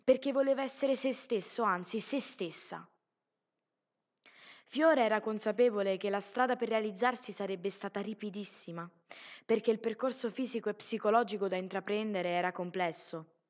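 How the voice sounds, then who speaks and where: A woman reading a story aloud as a narrator, in a gentle, measured way with slow, emphatic pauses. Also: medium pitch.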